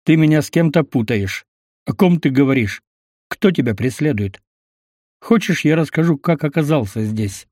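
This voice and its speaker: A man's voice: fairly high pitch, animated, normal speed, a little mellow, no room sound, studio quality. A man reading an audiobook and voicing a wary young newcomer who asks short, level questions. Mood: guarded. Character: wary young male newcomer, blunt and steady.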